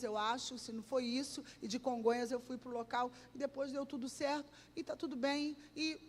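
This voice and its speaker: A Brazilian woman pastor with a Rio de Janeiro accent, preaching a sermon full of lively personal stories, acting out dialogue and breaking into song. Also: high voice. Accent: Rio de Janeiro Portuguese. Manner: animated storytelling, acts out dialogue, sings bits. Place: church hall. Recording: church hall reverb.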